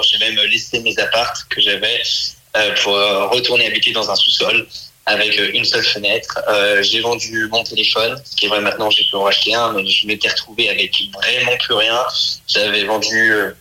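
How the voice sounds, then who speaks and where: A young man in his twenties talks as a comedian guest on a radio show. His voice is low-pitched yet very bright and forceful. He rambles in a relaxed, chatty way, full of fillers. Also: normal speed, low-quality recording. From France. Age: 20s. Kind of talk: casual radio interview.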